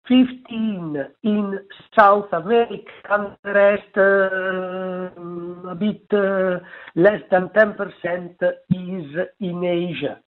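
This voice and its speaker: A man answering analysts on an earnings call, halting with many filler sounds, heard over a clipped, dropping phone line. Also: high-pitched. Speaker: company executive answering analysts.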